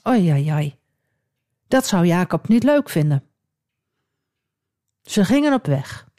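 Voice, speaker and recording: A woman storyteller reading a Bible story for children. She tells it expressively and adds small asides to the listener. Her voice is mellow and swings widely in pitch, and the recording is dry. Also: very animated, takes it slowly, no room sound.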